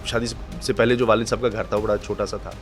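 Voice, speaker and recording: A middle-aged man from Pakistan, a news anchor telling stories in a podcast chat, acting out quotes and reciting verse slowly. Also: lowish voice, steady tone, music in the background.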